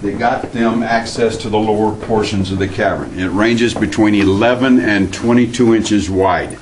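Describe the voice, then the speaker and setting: A man's voice: lowish voice, moderate pace, background noise. A man working as a cave tour guide, explaining things informally and conversationally to a small group. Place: inside a cavern. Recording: echoey cave, distant from the mic.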